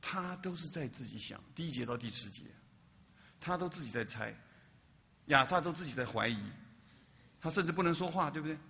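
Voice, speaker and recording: A man's voice: on the high side, expressive, a little fast, creaky, long pauses, pushed and bright, in a large hall. A man preaching a sermon as a pastor, often asking the congregation questions and repeating words for emphasis.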